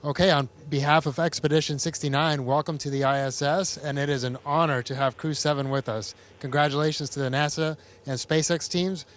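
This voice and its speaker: A man's voice: fairly high pitch, fairly even intonation, fairly quick, hardly any pauses, fairly bright tone. A man speaking as an astronaut, giving formal welcoming remarks over a space station link.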